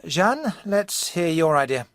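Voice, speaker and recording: A woman's voice: lowish voice, sing-song, slow, no echo, clean studio sound. A woman playing a businesslike, orderly meeting chair in a scripted language-course dialogue. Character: businesslike meeting chair running a staff discussion.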